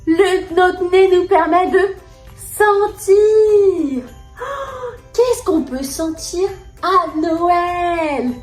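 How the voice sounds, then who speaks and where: Brief: toddler-video host, a woman with a very high, drawn-out sing-song delivery, in a roomy space with light music under her. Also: expressive. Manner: sing-song, gushing exclamations, drawn-out words. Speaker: children's educational host. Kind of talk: slow, exaggerated talk to toddlers. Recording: roomy sound with soft background music.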